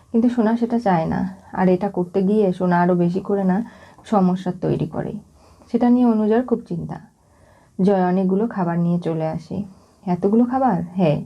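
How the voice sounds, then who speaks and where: A woman narrating a recap of a TV serial, reading every character's lines out in her own even, steady voice. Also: mid-range voice. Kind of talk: storytelling recap, voicing all characters in one plain voice. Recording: dull lo-fi audio.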